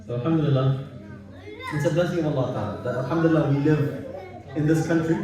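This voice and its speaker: A man from Bangladesh with a fairly high voice talks quickly at an Islamic study circle held in a private house, giving an informal, repetitive religious talk and often using tag questions to check that listeners agree. A crowd is audible behind him, and the distant microphone picks up an echoey room.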